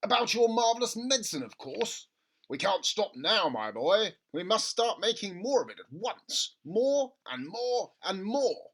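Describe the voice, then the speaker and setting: A man voicing an overbearing, excitable middle-aged father with grand schemes in a storybook reading, exclaiming loudly. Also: sits high, measured pace, pitched above the performer's own voice, heavily acted. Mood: excited.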